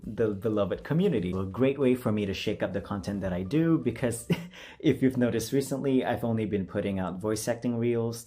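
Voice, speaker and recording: A young man with a fairly low, slightly dark voice chats casually with his viewers. He's a voice actor and video creator, and he rambles along in a self-deprecating way.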